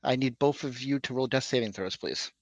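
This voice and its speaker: A man narrating as game master of a tabletop game, amused and lively. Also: medium pitch, a little fast, dry recording, muffled recording.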